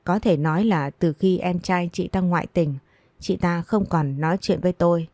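A woman's voice: fairly low pitch, normal speed, warm tone, no room sound. A woman narrating a first-person family drama story, her retorts cutting and defiant.

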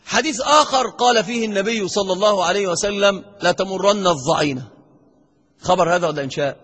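Here the Egyptian-accented scholar teaching grammar has a high, husky, bright voice with a breathy edge, pressing forward briskly in the lecture hall's long reverb. Rhetorical questions keep coming at the class, and he slows to emphasize every verse he quotes.

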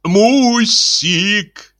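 A man voicing a plump, spoiled middle-aged engineer who calls out in a sing-song baby-talk voice and turns shrill when flustered. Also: very slow, bright, forceful tone, exaggerated voice. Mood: cooing, whiny.

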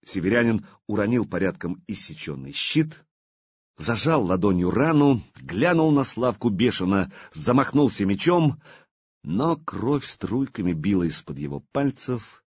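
A man narrating an audiobook with a lively, dramatic reading. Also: on the low side, measured pace, slightly rough, dry recording, muffled recording.

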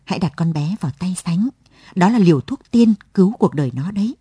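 Half-blind buddy, hearty and pushy, husky mellow tone, woman reading. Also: fairly low pitch, expressive, no echo. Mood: urging. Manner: brisk, hearty and urging. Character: eager half-blind male friend.

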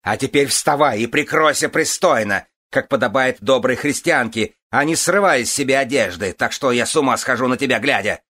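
A man's voice: mid-range voice, moderate pace, few pauses, bright, forceful tone, pitched above the performer's own voice. A man reading an audiobook, voicing a jealous, brutal warrior husband who roars accusations. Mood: raging. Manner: roaring, accusing.

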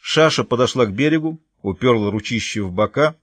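A man's voice: medium pitch, lively intonation, fairly quick, dry recording. Man narrating an audiobook. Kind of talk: scripted first-person audiobook narration.

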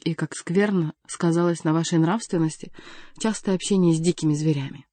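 A woman reading an audiobook voices a calm, ironic young male courtier who teases his opponent. Dry, close recording. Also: on the low side, a little fast, no echo, lightly acted. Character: mocking, cool-headed young male courtier.

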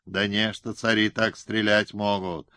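A man's voice: flat delivery, measured pace, pushed and bright, clear, resonant tone, no room sound, studio quality. Man doing a nasal, whining Cossack rogue. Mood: sour brooding. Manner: shrill hysterical outbursts. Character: whiny scheming Cossack colonel, nasal, stammering. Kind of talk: audiobook character reading.

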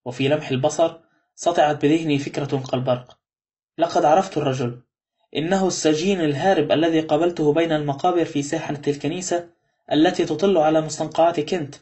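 A man narrating a novel in the first person at a brisk, steady pace. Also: fairly high pitch. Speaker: audiobook narrator.

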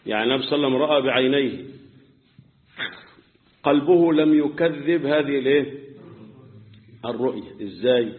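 A man with an Egyptian Arabic accent teaching Quran commentary, often pausing to have listeners fill in the next word. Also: medium pitch. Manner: keeps prompting listeners to fill in words. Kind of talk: religious lesson. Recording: tinny phone-like recording.

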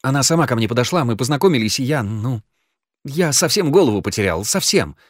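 A man reading an audiobook, voicing a frantic young man who swears he is innocent, his voice high and loud with fear. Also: animated, fairly quick, no room sound, studio quality, natural voice. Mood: pleading. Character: panicky young man, accused, pleading.

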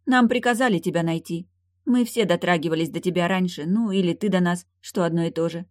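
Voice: mid-range voice, a little fast, no echo, studio quality, natural voice. A reader voicing an earnest elder lake maiden in an audiobook, speaking firmly. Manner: firm, earnest.

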